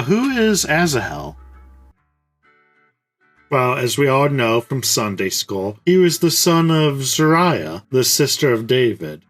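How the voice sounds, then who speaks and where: A young man hosting a let's play, giving casual commentary with jokey, irreverent deadpan asides. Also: mid-range voice.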